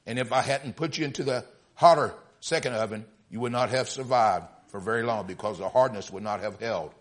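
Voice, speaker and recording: A man voicing a calm, wise master potter explaining himself in a story told during a sermon. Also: medium pitch, fairly quick, pitched below the performer's own voice, close to an everyday voice.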